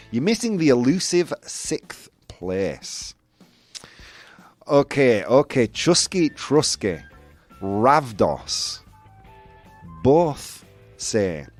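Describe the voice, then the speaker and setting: British male host, chatty and animated, reads viewer guesses over faint music. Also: mid-range voice. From United Kingdom. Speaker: show host. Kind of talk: casual livestream game hosting.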